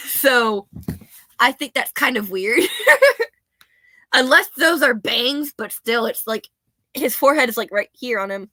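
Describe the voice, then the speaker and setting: Slightly hoarse young woman chatting. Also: on the high side, slow, pauses often, bright, forceful tone, no echo. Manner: chatty, laughs often, self-deprecating asides. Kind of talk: casual rambling chat.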